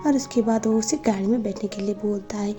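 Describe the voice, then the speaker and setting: A woman's voice: medium pitch, a little fast, music in the background. A woman casually recapping a drama series, retelling scenes and quoting the characters in her own voice. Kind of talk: casual recap narration with quoted dialogue.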